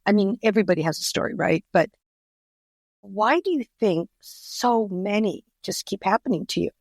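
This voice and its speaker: In a clean studio recording without room sound, an older woman speaks at a moderate pace in a gravelly, medium-pitched voice. Greek is her first language, and as an author guest she shares stories earnestly in conversation, frequently starting over.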